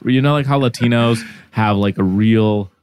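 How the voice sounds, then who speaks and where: A man who grew up speaking Arabic first hosts a podcast in a relaxed, chatty way. His voice sits on the low side, and he strings his thoughts together loosely with many fillers. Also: moderate pace, clear, resonant tone, no echo. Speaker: podcast host. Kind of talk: casual conversation.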